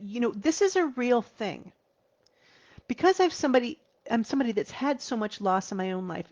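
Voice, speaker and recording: A woman in her forties, a grief therapist, speaking earnestly to viewers, slowing down and dropping to a soft whisper for emphasis. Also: a little high. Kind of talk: heartfelt talk to viewers. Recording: slightly dull lo-fi recording.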